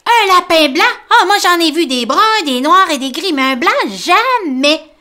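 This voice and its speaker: A woman voicing an excitable, fussy little male mole in a children's storybook reading, exclaiming in high bursts. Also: unhurried, heavily acted. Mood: excited.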